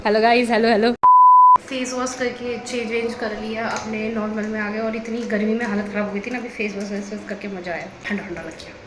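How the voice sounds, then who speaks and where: A woman's voice: fairly high pitch, level tone, fairly quick. A young adult woman chatting and telling stories in a casual family vlog at home, laughing often. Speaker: vlogger. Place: home, indoors. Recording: echoey room with background noise.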